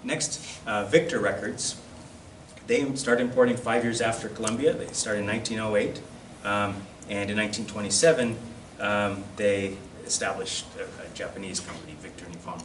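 In a classroom, a collectors' society presenter with a fairly low, steady voice stumbles haltingly through an informal slide show, making self-deprecating remarks. The camera sits across the echoey room, so he sounds distant amid loud noise.

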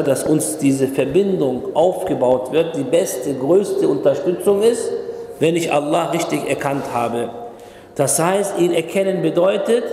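A man's voice: a little high, vocal fry, darkish tone, a little hiss or hum. A man preaching a sermon, urging listeners directly and repeating himself for emphasis. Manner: emphatic, repetitive exhortation addressing listeners directly. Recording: echoey hall with long reverb.

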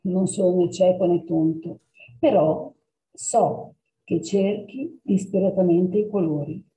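A woman's voice: lowish voice, slow pace, reverberant, low-quality recording. A woman doing a sly, secretive talking cat. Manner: teasing, hushed.

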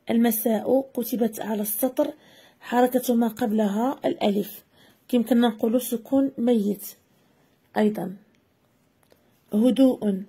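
Husky woman teacher, mellow voice, a bit high, reads out words slow and careful. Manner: slow, deliberate dictation of example words. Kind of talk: classroom grammar lesson. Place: video lesson voice-over.

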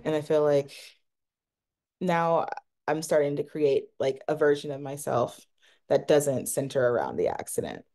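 A woman's voice: low voice, expressive, a little slow, mellow. A young woman speaking casually in an interview, often saying "like".

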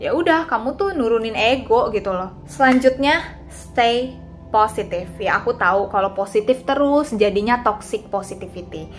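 A woman's voice: a little high, expressive, moderate pace. Chatty young woman sharing advice, music beneath. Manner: chatty and confiding, addresses viewers directly. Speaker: vlogger giving advice. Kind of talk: casual talking-head advice.

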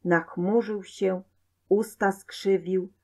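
A woman reading a children's story aloud in a clear, measured way. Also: mid-range voice, fairly even intonation, a little mellow. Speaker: narrator.

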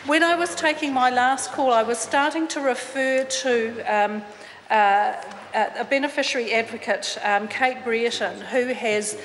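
Speaking a little slowly, with a high-leaning voice and fairly even intonation, a middle-aged opposition MP delivers an indignant debate speech. She stumbles through fillers and restarts at a desk mic in a big wood-panelled chamber, where the sound echoes with faint ambience and slight background noise.

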